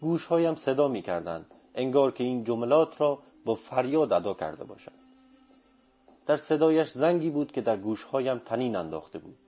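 A male narrator reads a first-person literary story. His reading is measured and even. His voice is mellow and warm, never sharp. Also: mid-range voice, breathy edge, soft background music. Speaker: audiobook narrator.

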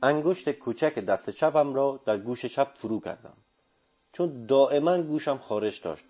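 A male narrator reads a first-person literary story. His reading is measured and even. His voice is mellow and warm, never sharp. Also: mid-range voice, breathy edge. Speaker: audiobook narrator.

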